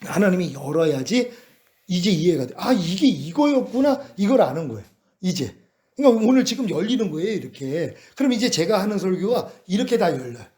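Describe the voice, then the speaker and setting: A male pastor preaching a sermon, acting out lively dialogue to illustrate his points. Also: sits high, brisk. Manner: animated preaching with acted-out dialogue.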